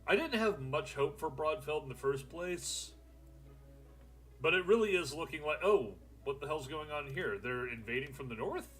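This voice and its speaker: A man's voice: a little high, expressive, normal speed, a bit bright, faint music behind. A young man streaming a strategy game, thinking aloud in casual, rambling commentary with the odd swear.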